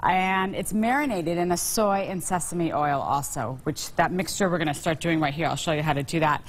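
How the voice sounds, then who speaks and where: On a TV studio kitchen set, a middle-aged woman guest chef gives a cooking demonstration, friendly and explanatory, filling her speech with lots of "um"s and "you know"s. Her voice sits low, at normal speed, with a little hiss or hum.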